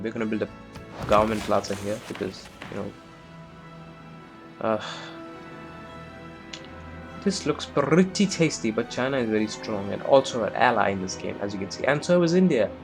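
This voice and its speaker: A man giving casual, rambling let's-play commentary on a strategy game, with lots of fillers and self-deprecating asides. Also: medium pitch. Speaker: gameplay commentator.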